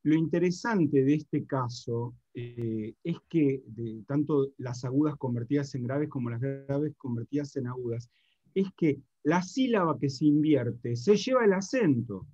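A man's voice: mid-range voice, lively intonation, measured pace, warm tone, no echo. A man co-teaching a class, adding a clarification with some hesitation. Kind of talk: online lecture. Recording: dry, muffled audio.

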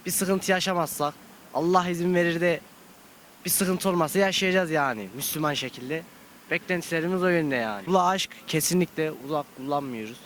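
A young man with a slightly high voice talks in slangy, colloquial phrases. It is a casual street interview with faint noise behind him. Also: fairly bright tone. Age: young adult.

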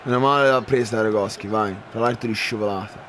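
A man commentating his own football game, excitable, shouting at chances and swearing at misses. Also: lowish voice, fairly quick. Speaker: gaming YouTuber.

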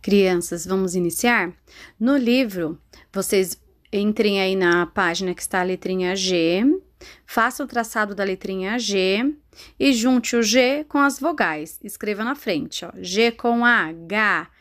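Slow, patient Brazilian teacher woman. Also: medium pitch. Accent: Brazilian Portuguese. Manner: slow, drawn-out syllables for dictation. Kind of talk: recorded lesson for young children.

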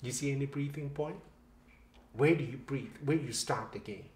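A man's voice: mid-range voice, normal speed. A man teaching a one-on-one piano lesson, patient, checking in with "okay?" and counting beats aloud. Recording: roomy echo with faint piano.

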